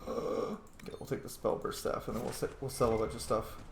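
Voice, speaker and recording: This let's play streamer talks fairly quickly, his medium-pitched voice creaky and mostly even in intonation. His video game commentary is loose and playful, with the odd swear word and plenty of rambling asides. There's a roomy echo and a faint hum of background noise.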